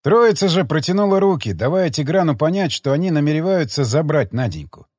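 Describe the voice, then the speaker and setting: Expressive male audiobook narrator. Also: fairly high pitch, a little fast, dry recording, clean studio sound. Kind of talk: scripted narration.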